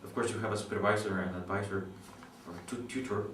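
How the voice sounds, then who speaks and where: A Guatemalan man, a PhD student in astronomy, explains his research in an interview using halting English with many fillers and restarts, though he stays thoughtful. His voice is lowish and a bit bright, with fairly even intonation. The audio is roomy, from a distant mic, with faint background noise.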